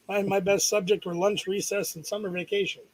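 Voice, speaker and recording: A man's voice: sits high, fairly even intonation, moderate pace, low-quality recording. A middle-aged man co-hosting a live stream, chatting casually with an easygoing, joking manner. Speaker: co-host.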